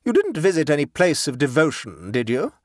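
A man's voice: fairly high pitch, big pitch swings, fairly quick, no room sound, clean studio sound, pitched above the performer's own voice. A man voicing a stern, vigorous old dowager who reproves her sister in a clipped manner. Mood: reproving. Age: older.

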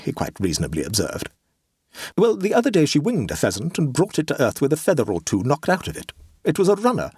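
A man doing a cool, deadpan teller of tall tales. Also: medium pitch, slightly rough, no echo, clean studio sound, exaggerated voice. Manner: cool, deadpan, with dramatic emphasis. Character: dry, evasive man telling a tall tale.

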